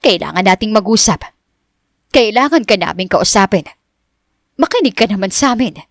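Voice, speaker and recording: A woman's voice: mid-range voice, expressive, moderate pace, no echo, clean studio sound, natural voice. Woman voicing an anxious rich mother, pleading, audiobook. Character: anxious wealthy middle-aged mother. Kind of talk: audiobook character reading.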